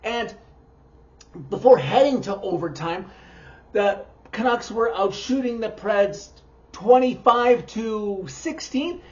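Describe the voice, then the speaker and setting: A woman's voice: medium pitch, animated, slow pace, dull audio. A woman giving opinionated post-game sports commentary in an exasperated, emphatic manner. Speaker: sports podcast host.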